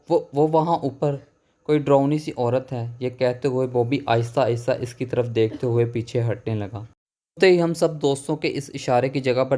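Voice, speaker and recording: A man's voice: mid-range voice, dark tone. Man narrating a horror story.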